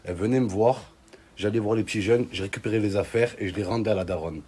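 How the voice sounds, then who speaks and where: This man, an online comedian, delivers funny stories in relaxed street slang with plenty of exclamation and fake outrage. He speaks quickly in a lowish, slightly mellow voice, and the recording has obvious background noise.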